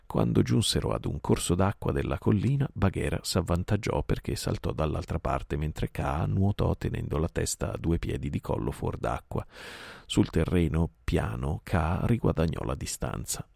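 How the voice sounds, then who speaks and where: A male reader narrates a novel in a slow, measured style. His voice sits very low with a heavy, constant gravel. The recording is dry and close. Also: lively intonation, a little mellow, no echo. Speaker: audiobook reader. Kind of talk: reading a novel aloud.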